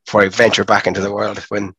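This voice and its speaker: A man chatting casually on a podcast, his voice gravelly from a sore throat and cough. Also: fairly low pitch, little pitch movement, fast, a bit bright. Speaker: podcast co-host. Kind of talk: casual chat.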